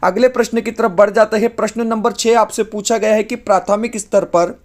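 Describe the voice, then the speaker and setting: A man's voice: sits high, steady tone, brisk. A man teaching an exam prep lesson, going through questions option by option and often calling his listeners "friends", with English words mixed in.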